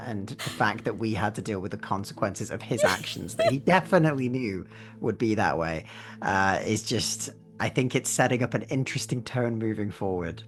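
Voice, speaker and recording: A man tabletop player giving casual, appreciative, wordy comments on a game. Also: lowish voice.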